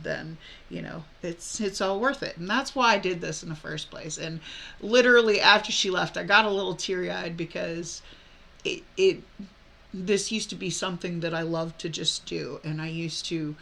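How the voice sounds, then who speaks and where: A woman tarot reader speaks straight to her webcam at home with a bright, forceful tone and a gravelly edge. Her talk is a casual, heartfelt monologue that rambles earnestly. She restarts her sentences often and breaks into nervous little laughs. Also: fairly low pitch, a little hiss or hum. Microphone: computer webcam mic.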